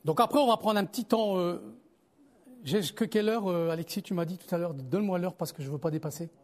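Guy preaching, pretty high voice, chatty then loud then real quiet. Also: brisk. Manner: conversational and animated, swinging from loud exhortation to low murmurs. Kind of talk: sermon.

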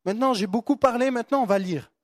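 Fervent young preacher, dry sound. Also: male voice, very high-pitched, fast talker, no room sound. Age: young adult. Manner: fervent, repeats phrases for emphasis, stammers on words. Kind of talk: sermon.

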